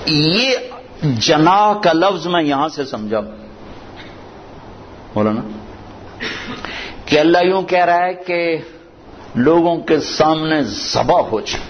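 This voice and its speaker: A man's voice: a little high, animated, pauses often, highs cut off, a little hiss or hum. A middle-aged man giving a sermon, reciting verses and telling stories from his village youth to explain their words. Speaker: preacher. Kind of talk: Urdu sermon with Quranic recitation.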